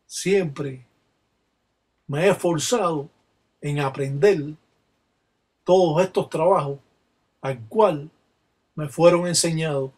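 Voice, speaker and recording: A Cuban-accented man leading a ritual invocation as a priest. His voice sits a little higher than most men's, and he draws every phrase out slowly and weightily. He delivers it with emphatic, repetitive, incantatory force. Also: a little mellow. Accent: Cuban Spanish. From Cuba. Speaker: Palo Mayombe priest.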